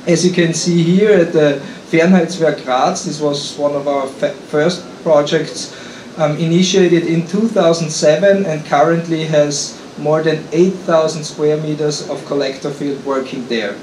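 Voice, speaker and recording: A man with an Austrian accent gives a technical conference presentation, his voice sitting a bit higher than most men's. He halts often and restarts phrases with fillers. The room is echoey, and faint air conditioning hums behind him. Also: steady tone, a little mellow, slight background noise. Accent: Austrian German. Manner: halting, frequent restarts and fillers. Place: conference hall.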